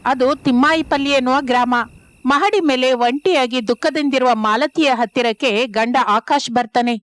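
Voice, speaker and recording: High-voiced woman narrating a story. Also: normal speed, a bit bright, no echo. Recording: music playing under the voice.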